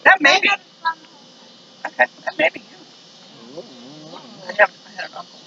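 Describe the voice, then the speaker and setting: A ghost tour guide tells local stories to a tour group outdoors on a noisy street, in a folksy, conversational way that wanders off on tangents and acts out short quotes. His voice is very high-pitched with big pitch swings, a little slow, creaky, bright, and forceful. The outdoor street recording sounds dull, with traffic noise.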